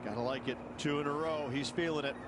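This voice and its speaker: A man analyses golf for a video game in an instructive way, addressing the player directly. His voice is somewhat high. The outdoor ambience behind him is loud. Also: fairly even intonation, quick pace, heavy background noise. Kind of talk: sports commentary in a video game.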